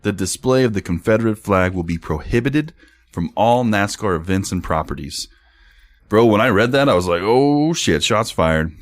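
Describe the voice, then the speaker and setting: A young man co-hosts a casual sports podcast with a deep, low-pitched voice. He talks bluntly, swears freely and laughs as he reads posts aloud. The sound is dry and close to the mic. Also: lively intonation, moderate pace, dry recording. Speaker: podcast co-host.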